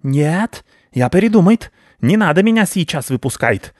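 A man's voice: medium pitch, lively intonation, normal speed, dry recording, clean studio sound, voice pushed up, natural voice. A man voicing a pompous, vicious male rat baron who talks in broken grammar, for a storybook reading. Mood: furious. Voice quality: broken grammar, haughty and blustering.

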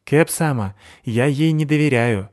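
A man doing a shrill lisping woman warrior. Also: a little slow, darkish tone, close to an everyday voice. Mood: earnest. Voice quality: lisps, swaps sounds. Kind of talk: audiobook character voicing.

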